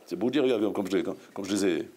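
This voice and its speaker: A man, a rabbi, preaching a sermon in a lively, scolding way full of rhetorical questions. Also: deep voice, fast, slightly rough.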